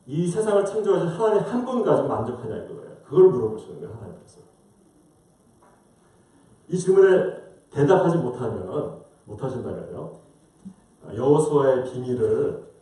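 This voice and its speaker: A man's voice: medium pitch, mellow. A man preaching a sermon as pastor, asking rhetorical questions and acting out quoted voices. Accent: Korean-American. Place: church sanctuary. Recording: roomy distant church mic.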